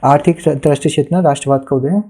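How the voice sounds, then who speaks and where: A man's voice: a little high, steady tone, racing, mellow. Man patiently reviewing student answers. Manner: patient, instructive, reads student copies aloud. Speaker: teacher evaluating answer sheets. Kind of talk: live answer-writing feedback class.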